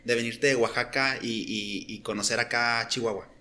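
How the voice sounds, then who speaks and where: A man's voice: mid-range voice, steady tone, moderate pace, pushed and bright, a little hiss or hum. A man with a Mexican accent hosting a casual podcast, teasing his guest and joking. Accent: Mexican Spanish. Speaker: podcast host.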